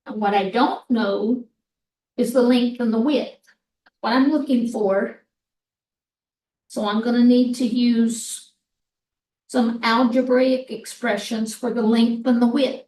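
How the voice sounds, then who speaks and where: Slow, hoarse woman teaching math. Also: a little high, fairly even intonation, a little mellow. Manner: slow, step-by-step explaining. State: hoarse, clearing throat. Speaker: math instructor. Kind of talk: recorded math lecture. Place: classroom. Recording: echoey room, mic far off.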